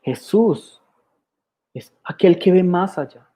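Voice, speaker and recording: A pastor with a Colombian accent preaching a sermon, repeating key phrases and posing rhetorical questions. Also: male voice, high voice, lively intonation, takes it slowly, dark tone. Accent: Colombian Spanish. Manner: emphatic repetition and rhetorical questions.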